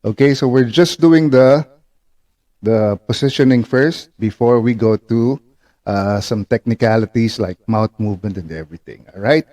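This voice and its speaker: A man's voice: mid-range voice, moderate pace, mellow. A man giving an instructional demonstration as a teacher, patient and repetitive, often checking in with short tag questions. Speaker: ventriloquism instructor.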